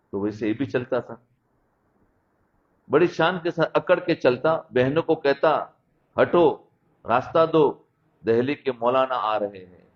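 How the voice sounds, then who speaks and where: A man giving a sermon, telling stories about childhood and often asking his listeners whether they follow. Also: mid-range voice. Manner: storytelling, asks listeners "understood?". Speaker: Islamic preacher. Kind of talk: sermon with storytelling. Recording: dull lo-fi recording.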